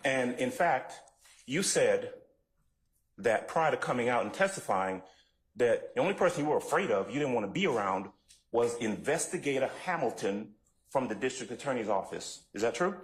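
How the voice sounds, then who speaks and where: A man questioning a witness as a defense attorney in court, putting pointed leading questions in deliberate phrases. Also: mid-range voice, lively intonation. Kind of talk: courtroom cross-examination. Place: courtroom, indoors. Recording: echoey courtroom sound.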